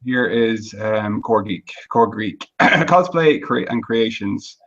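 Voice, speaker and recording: A male host asking a guest relaxed questions, with many fillers. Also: lowish voice, takes it slowly. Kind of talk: casual interview chat. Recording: distant, dull lo-fi sound.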